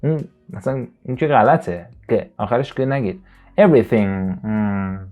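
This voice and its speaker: A man whose first language is Persian, teaching an English listening lesson and slowly repeating English phrases for his students. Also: mid-range voice, narrow, tinny audio, faint music behind. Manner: slow, drawn-out repetition of English phrases.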